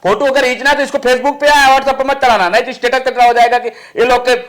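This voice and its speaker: Fast high-voiced arrogant man. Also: fairly even intonation, fairly bright tone. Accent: Awadhi. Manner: arrogant, show-off. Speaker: rich son-in-law. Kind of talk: comedy skit acting.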